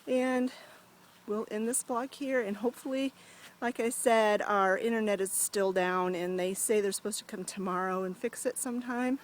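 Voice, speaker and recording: A woman's voice: mid-range voice, fairly even intonation, moderate pace, a little hiss or hum. A woman from the United States chatting casually to camera outdoors at her duck pen, cooing in a sing-song voice to her ducks and a little out of breath. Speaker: vlogger. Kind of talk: casual vlog chat.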